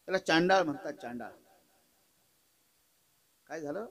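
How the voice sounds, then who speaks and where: A man's voice: fairly high pitch, animated, moderate pace, poor audio. A middle-aged man with a Marathi accent preaching a devotional kirtan sermon. He tells a story and often puts questions to his listeners. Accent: Marathi, rural Maharashtra. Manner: emphatic, rising to loud exclamations, quizzes the audience.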